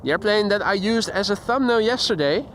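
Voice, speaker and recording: This plane spotting livestream host, a Dutch man with a Dutch accent, chats casually outdoors by an airport, reading chat messages aloud and imitating sounds into a handheld shotgun mic. His high, fairly bright voice has lively intonation and a fairly quick pace. A little hiss or hum is audible.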